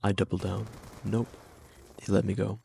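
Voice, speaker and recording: A young man recounts his story in a wry, slangy storytime style. His voice is low and gravelly, with faint noise behind it. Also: fairly even intonation, brisk, a little mellow. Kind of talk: scripted storytime narration.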